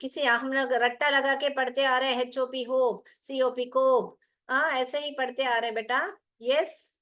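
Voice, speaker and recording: A woman's voice: high voice, fairly even intonation, measured pace, fairly bright tone. A woman teaching phonics in an online class, patient and explaining step by step, often asking rhetorical questions and fondly addressing her learners as children.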